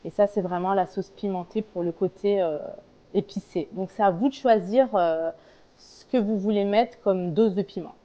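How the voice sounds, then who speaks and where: A woman's voice: medium pitch, moderate pace, dark tone, dull audio. A woman casually talking through a recipe step by step as a home cook, in a hesitant, explanatory way. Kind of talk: casual cooking tutorial, talking through steps.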